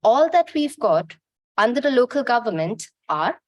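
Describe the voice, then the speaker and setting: A woman's voice: a little high, sing-song, moderate pace. A woman from Bangladesh giving a conference talk in an informal, chatty way, often stopping to correct herself. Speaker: conference presenter. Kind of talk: conference presentation.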